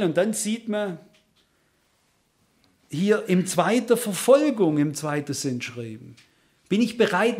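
A man's voice: high-pitched, darkish tone. A man preaching a sermon, earnest and emphatic, speaking straight to his congregation. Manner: earnest, emphatic, addresses listeners directly.

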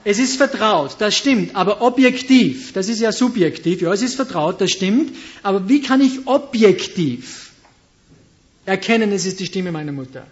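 A woman's voice: mid-range voice, normal speed. Emphatic woman preaching, slightly dull sound. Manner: asks the audience questions, lively and emphatic. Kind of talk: sermon.

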